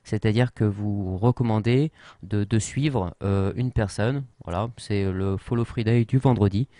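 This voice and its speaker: A man explains a social media tool in an unscripted tutorial, hesitant and full of fillers and restarts. His voice is fairly low, dark, and unhurried, in a dry recording.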